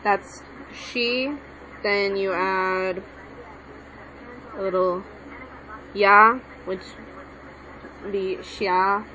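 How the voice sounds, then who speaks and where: This young woman speaks slowly in a mid-range voice that sounds pushed and bright, with fairly even intonation. Of Mexican background, she makes language tutorials, rambling, hesitating and self-correcting through a casual lesson while writing. The lo-fi home recording, made in a room with a TV on, has background noise.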